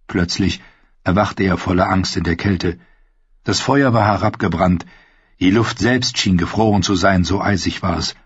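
A man reading scripted narration for an audiobook in a steady, measured way. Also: low voice, husky, dry recording. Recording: slightly dull dry studio recording.

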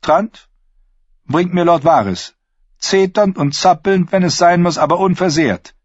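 A man's voice: sits high, measured pace, slightly rough, no echo, pitched above the performer's own voice. A man reading an audiobook voices a proud, furious queen who gives imperious, cutting commands. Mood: commanding. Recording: dull lo-fi recording.

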